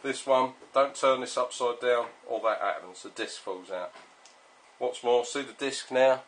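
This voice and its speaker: A man with a British accent giving a casual hands-on tutorial as an instructor, spelling out each step slowly and repetitively in a patronizing way. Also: mid-range voice, steady tone, a bit bright, slight background noise. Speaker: repair instructor.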